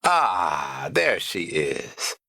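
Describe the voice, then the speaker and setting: A man's voice: sits low, huge pitch swings, extremely slow, vocal fry, dry recording, clean studio sound, full character voice. A man doing a gleeful old baker. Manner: cheerful, shouting with glee. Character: exuberant older male Italian baker boss. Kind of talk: audiobook character voice.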